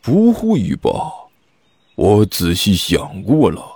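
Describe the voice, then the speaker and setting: A man's voice: fairly low pitch, huge pitch swings, takes it slowly, mellow, husky, no echo, heavily acted. A man voicing a lazy, sly old male immortal who drawls evasively and plays innocent in an audiobook. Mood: drawling, coy.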